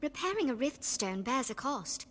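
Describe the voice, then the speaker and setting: A woman's voice: sits high, very animated, normal speed, fairly bright tone. A woman playing an eager companion in a video game, calling out scripted advice in battle. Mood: brisk alertness.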